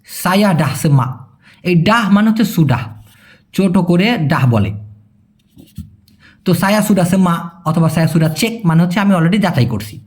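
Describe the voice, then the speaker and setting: A man giving a casual language lesson, patiently repeating phrases slowly and asking if it is clear. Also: high-pitched, expressive, darkish tone. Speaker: language teacher.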